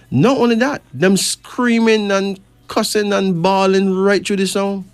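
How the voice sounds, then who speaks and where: A man's voice: high voice, steady tone, slow, smooth, no echo. Man, emphatic card reader. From Barbados. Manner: emphatic, rising questions, dialect grammar. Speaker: host reading cards. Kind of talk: casual chat and card reading.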